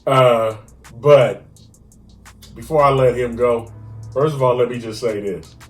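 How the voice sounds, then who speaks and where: A man's voice: medium pitch, measured pace, far from the mic, faint music behind. A man in the middle of his range rants animatedly and stumbles over his own restarts. His voice carries the echo of a roomy space, picked up from some way off the mic. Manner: animated ranting with frequent stammered restarts. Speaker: podcast co-host. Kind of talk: casual chat.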